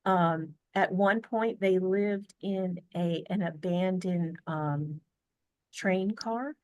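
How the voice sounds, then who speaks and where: A woman's voice: fairly low pitch, takes it slowly, no echo, dull audio. An American woman, a podcast guest, telling a family story in an earnest, chatty way, full of fillers and restarts, over a video call. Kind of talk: casual storytelling interview.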